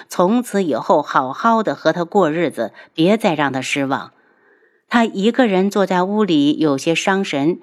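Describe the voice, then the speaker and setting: A woman narrating a web novel audiobook in a steady storytelling read. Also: lowish voice.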